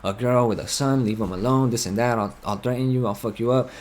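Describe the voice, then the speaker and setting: A man's voice: mid-range voice, fast, a little hiss or hum. A young man on a headset in game voice chat, telling a long heated story full of swearing and rambling asides. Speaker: gamer telling a personal story. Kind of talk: casual chat over game voice chat.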